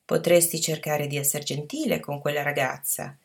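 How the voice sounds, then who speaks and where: A woman voicing a brisk, practical middle-aged aunt who gives firm, motherly instructions, in a low, gravelly voice. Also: fairly even intonation. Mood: coaxing.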